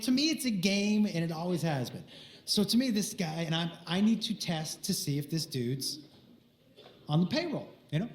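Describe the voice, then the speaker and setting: A man's voice: high-pitched, reverberant. A man doing stand-up, telling a crude prank story and acting out the other voices. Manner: animated, acts out voices and crude jokes. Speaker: stand-up comedian.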